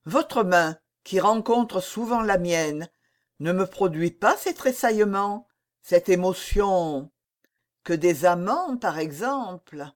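A coy young princess, teasing and charming, as a woman reading a novel puts her on. She speaks in a soft, coaxing voice, slow and unhurried. The voice sits fairly low but moves freely up and down. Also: lively intonation.

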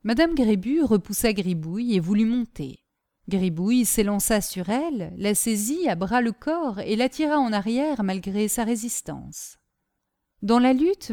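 A woman reading a storybook aloud in a lower, measured narrating voice. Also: animated, mellow, no room sound, studio quality.

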